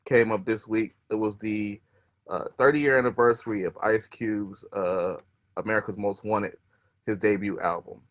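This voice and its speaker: Lower-voiced male co-host, halting delivery, lots of uhs. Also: steady tone, highs cut off. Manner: hesitant, many fillers. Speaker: radio co-host. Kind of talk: radio interview.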